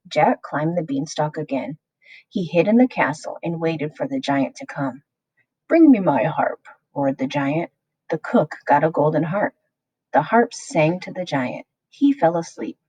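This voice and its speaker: A woman reading a children's picture book aloud, expressive and addressing young listeners. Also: sits low, slightly rough, no echo, highs cut off. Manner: slow, expressive, plays along with listeners. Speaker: children's storyteller.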